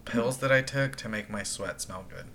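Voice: medium pitch, normal speed, a bit bright. A young adult talking in slangy, casual chat with friends.

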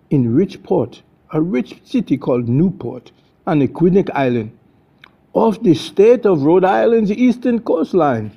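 A husky, high-voiced older man reads from an adventure book he wrote, giving it dramatic storyteller narration. The recording has a flat, lo-fi sound.

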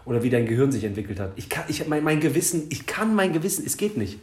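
A man's voice: a little high, big pitch swings, fast. Rambling male comedian in a roomy space. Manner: rambling storyteller, quotes people. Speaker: comedian podcast co-host. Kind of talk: casual chat. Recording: roomy echo.

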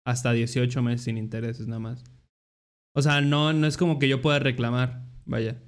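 A young man, hosting a casual podcast and telling animated, slangy stories. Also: mid-range voice, moderate pace. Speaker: podcast host.

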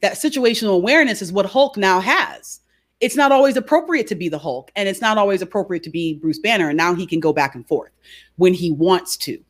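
Animated woman coach telling stories. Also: mid-range voice, a little fast. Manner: animated storyteller, frequent "right?". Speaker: guest, behavior coach. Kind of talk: conversational interview.

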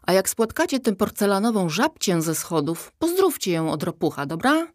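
A woman's voice: mid-range voice, very animated, moderate pace, no room sound, clean studio sound, pitched above the performer's own voice. A woman voicing a cocky, laid-back male river toad in a children's audiobook, with a slangy, easygoing manner. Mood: breezy.

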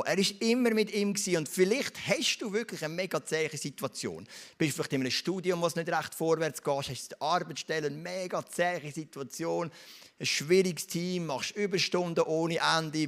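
Swiss preacher with a raised voice. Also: male voice, a little high. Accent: Swiss German. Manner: storytelling, addresses listeners directly with questions. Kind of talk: sermon.

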